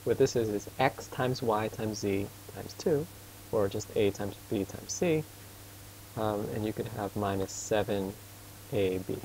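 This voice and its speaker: A man with a fairly low, mellow voice leads an informal math tutoring session, staying casual and patient. He poses questions to his student while working and admits to talking fast, recorded with poor audio and a little hiss or hum.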